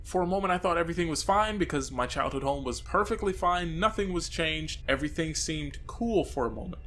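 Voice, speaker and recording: A young man telling his own eerie out-of-body experiences in a casual, earnest way. His pace quickens at the tense parts. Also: fairly high pitch, fairly bright tone, slight background noise. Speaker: storyteller. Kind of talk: casual first-person storytelling.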